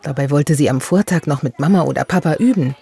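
Low, warm-voiced woman reading a story. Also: fast, gravelly, slight background noise. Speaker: narrator. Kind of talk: storybook narration.

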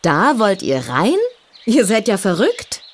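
A woman voicing a timid, anxious young boy in a storybook reading, in a high, strained boyish voice. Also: sing-song, slow, slight background noise. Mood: frightened.

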